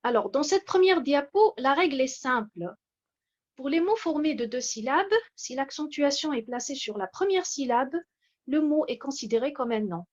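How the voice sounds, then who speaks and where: Woman lecturer, high voice, measured and hesitant, muffled online-talk sound. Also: animated, darkish tone. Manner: measured, explanatory, with frequent hesitations. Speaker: lecturer presenting slides. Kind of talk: slide-based lecture on word stress.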